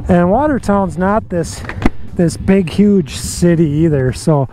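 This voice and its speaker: A man's voice: high voice, takes it slowly, dark tone. An American man chatting casually as he rides a motorcycle, talking from inside a helmet behind a face shield. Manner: mildly swearing, self-deprecating. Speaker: motovlogger. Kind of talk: casual chat while riding. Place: outdoors on a motorcycle on night city streets. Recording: engine and traffic noise behind.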